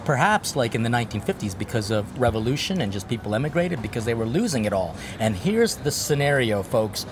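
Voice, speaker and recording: A man from the United States, a priest hosting a casual food and travel interview at an outdoor restaurant, talking in a lively, jokey way. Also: medium pitch, fairly quick, few pauses, noisy background. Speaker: host and priest.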